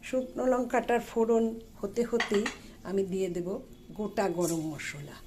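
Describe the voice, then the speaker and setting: A woman, talking through a home recipe in an easy, chatty way. Her voice sits in a middle range, neither high nor low. Loud frying, sizzling and clattering pots fill the kitchen around her. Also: expressive, moderate pace, noisy background. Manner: chatty, explains each step as she cooks. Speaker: cooking channel host. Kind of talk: casual cooking demonstration.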